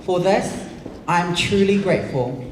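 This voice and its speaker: A woman giving a formal, measured thank-you speech as a reigning pageant titleholder. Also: lowish voice, expressive, slight background noise. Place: large event hall on stage. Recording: echoey hall PA from far off.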